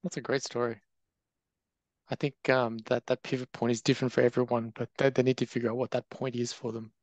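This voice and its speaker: A man's voice: medium pitch, level tone, fairly quick, darkish tone, dry recording. A man hosting an interview, asking casual follow-up questions. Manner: brief affirming, conversational questions. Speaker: interviewer host.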